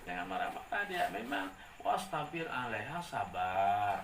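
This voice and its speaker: A male preacher giving a lively sermon, asking the congregation to complete his sentences. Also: on the high side, measured pace, vocal fry. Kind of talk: sermon with call-and-response. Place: hall with a gathered congregation. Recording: echoey room, distant mic, faint noise.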